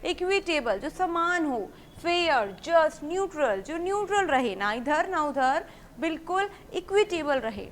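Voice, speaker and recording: A woman with a high voice teaches English vocabulary for exam preparation, explaining each word step by step. She asks questions and answers them herself, and reads English example sentences slowly. A faint noise sits behind her voice. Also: very animated. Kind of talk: vocabulary lesson for exam students.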